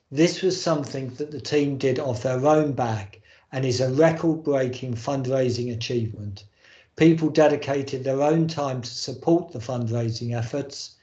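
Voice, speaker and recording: A man's voice: medium pitch, dark tone. A man chairing a formal board meeting on a video call, speaking with frequent hesitant ums. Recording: muffled, roomy video call audio.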